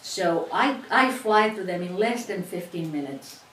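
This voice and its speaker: This sewing instructor's voice is on the low side and a bit bright, with lively intonation and a slightly slow pace. A middle-aged woman with a Cuban accent, she chats her way through a hands-on demonstration, restarting often, while a distant mic catches her in an echoey room with faint ambience.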